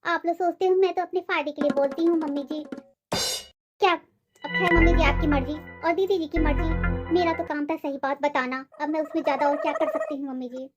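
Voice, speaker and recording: A woman's voice: high-pitched, fairly even intonation, a little fast, lo-fi sound, close to an everyday voice. A woman playing a sly, sweet-talking young daughter-in-law who placates her mother-in-law in a comedy skit. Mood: placating. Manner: sugary, placating. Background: background music.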